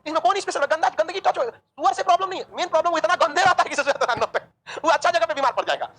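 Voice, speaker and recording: A woman teaching a history class, lively and joking, asking the class questions and answering them herself. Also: very high voice, very fast, rough recording. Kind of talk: online class lecture.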